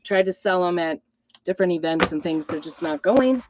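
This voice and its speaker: A middle-aged woman with a hoarse, weakened voice from a hacking cough, rambling apologetically as she hosts a casual live craft demo. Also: lowish voice, expressive, normal speed, dull audio, background noise. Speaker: craft host and crafting product seller.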